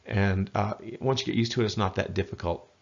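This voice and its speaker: A man giving a casual spoken language lesson, chatty and folksy, slowly repeating words to model pronunciation. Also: fairly low pitch, fairly even intonation, gravelly, dull audio. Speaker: language teacher.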